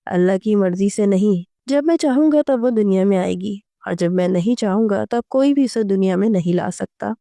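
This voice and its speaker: A woman's voice: mid-range voice, animated, few pauses, mellow, dry recording, natural voice. A woman voicing a cruel, hot-tempered young husband who scolds harshly, in a dry audio story. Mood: scornful.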